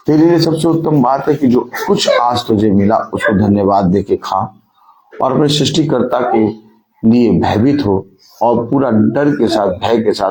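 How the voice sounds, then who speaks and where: A man's voice: fairly low pitch, a little mellow, low-quality recording. A male preacher delivering a sermon, repeatedly putting rhetorical questions to his congregation and drawing call-and-response answers.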